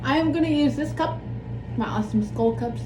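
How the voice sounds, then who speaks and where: A woman's voice: high voice, brisk, noisy background. A woman in her thirties with a lisp, chatting casually and in a rambling, self-deprecating way as she demonstrates something for a vlog. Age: 30s. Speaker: plant vlogger. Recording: echoey room, distant mic, background music.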